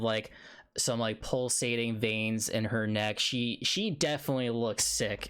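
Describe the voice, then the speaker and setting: A man narrating a tabletop game as game master, relaxed, with many fillers and laughs. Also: mid-range voice, clear, resonant tone. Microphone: home mic on a live stream.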